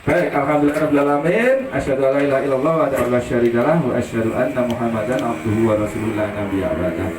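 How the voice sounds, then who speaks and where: A man hosting a children's coloring contest, leading the kids in energetic call-and-response chants. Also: medium pitch, fast, few pauses. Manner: energetic cheerleading, chanting and shouting prompts. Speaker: event host and organizer. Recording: echoey far-off PA with loud noise.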